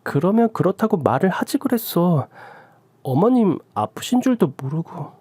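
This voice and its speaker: A woman's voice: fairly low pitch, big pitch swings, normal speed, dark tone, husky, no room sound. A woman voicing a fed-up young daughter-in-law who reproaches her husband in a radio drama. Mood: softened. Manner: pleading and reproachful.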